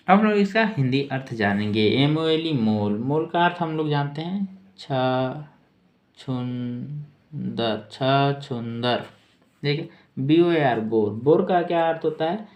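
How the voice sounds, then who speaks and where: Male teacher, mid-pitched, very slow and patient, spells out words and repeats them. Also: a little mellow. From India. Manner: spells words letter by letter, repeats each word slowly. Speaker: English teacher. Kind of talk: slow spelled-out vocabulary lesson.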